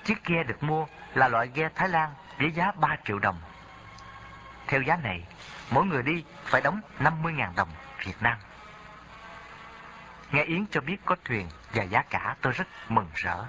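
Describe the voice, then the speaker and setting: A man's voice: mid-range voice, big pitch swings, moderate pace, sharp tone, highs cut off, slight background noise. Man reading a reflective memoir. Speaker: narrator.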